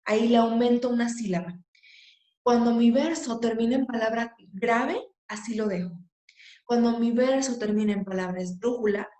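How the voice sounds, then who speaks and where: A woman's voice: fairly high pitch, warm tone. A woman teaching a poetry lesson, patiently explaining step by step and checking in often. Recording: echoey room.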